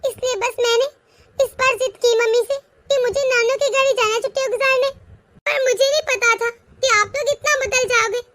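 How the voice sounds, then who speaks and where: A woman's voice: extremely high pitch, normal speed, few pauses, sharp tone. A woman voicing a spirited young girl in a cartoon, speaking with hurt, outspoken indignation. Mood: upset. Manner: pleading, indignant. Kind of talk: animated cartoon voice acting.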